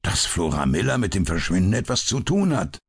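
A man reading an audiobook voices an indignant, bitter police inspector who barks out his lines with blustering bitterness. His voice is low, slightly rough and a little fast, with big swings in pitch, in a fully committed character performance.

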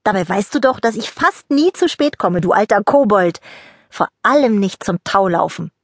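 A woman voicing a cheerful little flower fairy girl in a storybook, bubbly and high-pitched. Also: animated, moderate pace, no echo, studio quality. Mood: playful.

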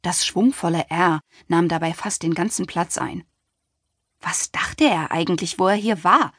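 A woman narrating a contemporary novel in the first person, with a wry, lively storytelling manner, recorded on a studio microphone. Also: on the low side, a little slow, husky, no room sound. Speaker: audiobook narrator.

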